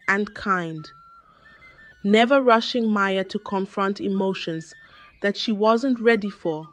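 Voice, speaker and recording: A woman with a mid-range voice narrates a scripted folktale, telling it in a measured, dramatic storytelling manner.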